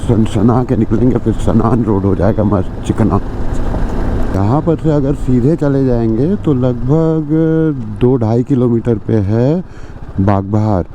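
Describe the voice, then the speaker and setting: A mellow, medium-pitched male voice takes its time as this rural Indian motorcycle vlogger talks informally to his viewers, calling them brothers. He's outside on village roads and at a roadside eatery, and the muffled, dull audio carries outdoor noise.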